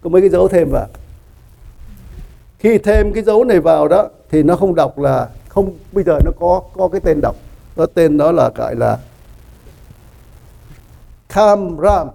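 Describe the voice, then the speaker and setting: A man preaching a sermon, teaching lively, asking the congregation questions and making joking asides with frequent laughter. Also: on the high side, a little fast, vocal fry, rough recording. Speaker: pastor.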